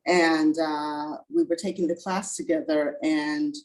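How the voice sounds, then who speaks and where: A middle-aged woman doctor answering interview questions in a relaxed way, pausing often with "uh". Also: sits low, rough recording. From born in Guyana, grew up in Brooklyn. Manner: relaxed, frequent uh pauses. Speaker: physician guest.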